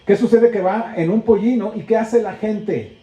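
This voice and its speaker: A pastor with a Mexican Spanish accent preaches a sermon in a church, speaking earnestly at normal speed with a high, mellow voice. He fills it with rhetorical questions and acts out heartfelt prayers, and the church room gives the recording an echo.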